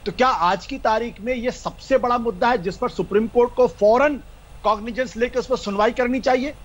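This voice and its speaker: Very high-voiced man asking rhetorical questions. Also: fairly quick, dull audio. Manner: rhetorical, fires pointed questions. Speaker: debate panelist. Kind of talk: heated political debate.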